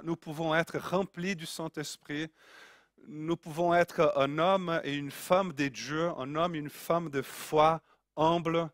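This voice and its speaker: A male preacher with a Brazilian accent delivers an earnest sermon, often repeating his key lines. His voice sits high and moves at a deliberate, slow pace. The sound is close and dry. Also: fairly bright tone, dry recording. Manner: repeats phrases for emphasis, earnest.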